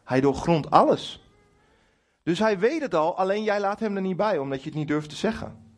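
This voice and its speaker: In a church hall, a middle-aged man preaches to his congregation in a high-pitched voice at a moderate pace. His delivery is lively and emphatic as he speaks directly to listeners with some humour and acts out quotes addressed to God.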